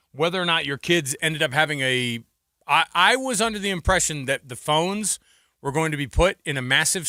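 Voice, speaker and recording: Bright-voiced male radio host. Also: fairly high pitch, dry recording, clean studio sound. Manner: animated, slips into put-on voices for anecdotes. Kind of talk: casual radio chat. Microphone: studio mic.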